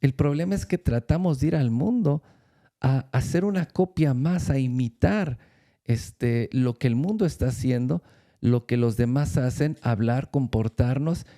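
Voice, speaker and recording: Gravelly dark-voiced man preaching. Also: medium pitch. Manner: storytelling with many pauses and restarts. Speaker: church speaker. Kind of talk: faith-based storytelling talk.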